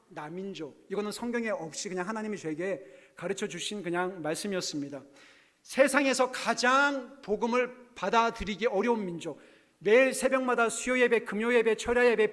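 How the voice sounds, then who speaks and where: High voiced guy preaching in church, gets loud then quiet, lots of echo. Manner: animated, voice swings from quiet to loud. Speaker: missionary preacher. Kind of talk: sermon. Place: church sanctuary. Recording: long hall reverb.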